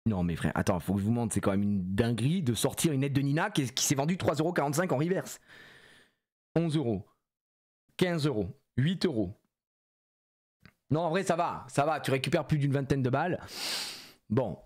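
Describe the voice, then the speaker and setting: A man streaming live as he opens trading cards, excitable, swearing and bantering with his chat. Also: mid-range voice, a little fast, pauses often. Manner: excitable, swears, shouts when disappointed; animated, playful banter with chat. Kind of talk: live card-opening stream.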